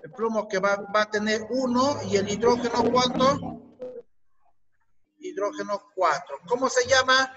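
A man's voice: very high-pitched, steady tone, a little slow, muffled recording, background noise. A man teaching a chemistry class with a Peruvian Spanish accent, asking students questions and repeating their answers. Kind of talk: online class lesson.

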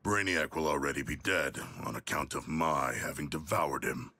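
An enormous man-eating shark creature for a game. The voice is extremely deep and husky. It speaks earnestly, in stilted, literal-minded phrases. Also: normal speed, bright, forceful tone, no room sound, clean studio sound, heavily acted. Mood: solemn menace. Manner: formal, stilted wording. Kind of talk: video game cutscene acting.

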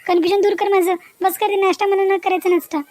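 A woman's voice: very high voice, little pitch movement, fast talker, darkish tone. A woman voicing a young educated village woman in a cartoon, upset and confronting the boyfriend she ran away with. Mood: angry. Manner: pleading then demanding, confrontational. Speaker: cartoon character. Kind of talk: Marathi cartoon voice acting.

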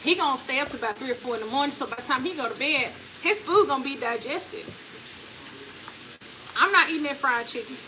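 A woman's voice: high-pitched, fairly quick. A woman co-hosting a home cooking vlog, chatting and teasing her partner in a casual way. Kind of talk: casual chat. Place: home kitchen with frying food. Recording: noticeable background noise.

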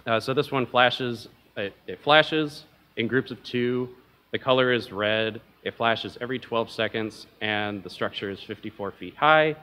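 A man's voice: medium pitch, unhurried, bright, forceful tone. Young man giving a casual conference talk. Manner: casual, self-deprecating, many ums and uhs. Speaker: conference presenter. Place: conference hall, at a lectern.

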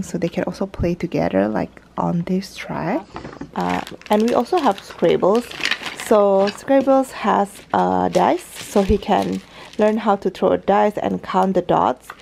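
A young mom who vlogs about parenting chats casually in her living room, explaining toys step by step in a little slow, fairly even delivery. Her medium-pitched voice is creaky and warm. A handheld camera films from above with her off screen, and there's slight background noise.

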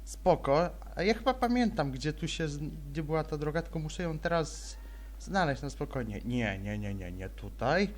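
Chatty, higher-voiced young man gaming. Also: animated, normal speed. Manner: chatty, rambling, near-constant chatter. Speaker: let's-play gamer. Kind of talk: casual gaming commentary. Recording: faint noise, game sound behind.

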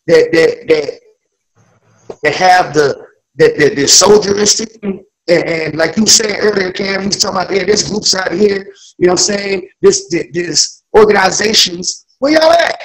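A young man with a high voice rants over a video call, fired up, profane, and tripping over his own restarts. It is loose casual chat with friends. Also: normal speed, rough recording. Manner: excited, profane, stammering restarts. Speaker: panelist.

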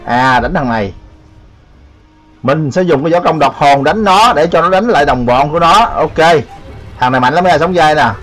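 A man hosting a gaming channel, giving excitable, joking commentary on his play. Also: on the high side, moderate pace, poor audio. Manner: excitable, shouting exclamations, joking. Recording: voice over game audio with faint music. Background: music.

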